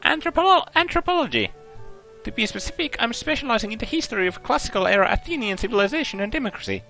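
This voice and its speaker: A man's voice: high-pitched, soft background music, voice pushed up. A man voicing a young woman university student, reading her lines eagerly from a visual novel. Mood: excited. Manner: eager, quick when excited.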